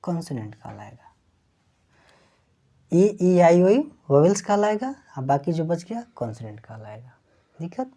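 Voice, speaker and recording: A woman teaching in a slow, unhurried way, pausing on each point and quizzing her class before she repeats every answer. Her voice is low and mellow, with a slightly husky edge. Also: big pitch swings. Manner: keeps asking questions back to students and repeating answers. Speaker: English teacher. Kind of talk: classroom lesson explaining letter sounds.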